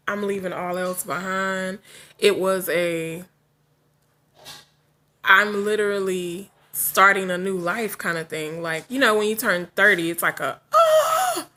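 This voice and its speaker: With a bright, pushed mid-range voice, a woman in her forties chats casually to her camera audience. She's direct and talkative, laughing easily and wandering off into asides, and she sounds like she's only just woken.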